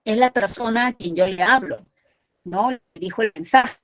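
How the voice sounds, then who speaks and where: A woman's voice: medium pitch, moderate pace, fairly bright tone, no room sound. A woman teaching a university entrance exam prep class, explaining patiently and often checking in with short tag questions.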